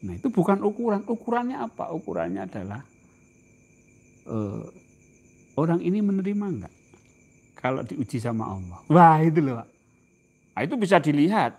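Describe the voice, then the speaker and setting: A man's voice: fairly high pitch, huge pitch swings, a little mellow, breathy edge. A man with a Javanese accent giving an informal religious lecture, often putting questions to his listeners and stretching his words for emphasis. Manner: asks the audience questions, drawn-out emphatic phrasing. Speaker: religious teacher.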